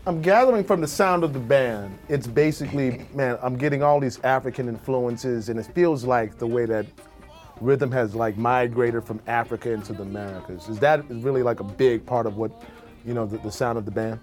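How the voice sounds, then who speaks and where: Halting, friendly male interview host. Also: mid-range voice, a little mellow, faint music behind. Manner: hesitant, halting, with frequent fillers and restarts. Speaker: radio show host. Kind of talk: casual interview.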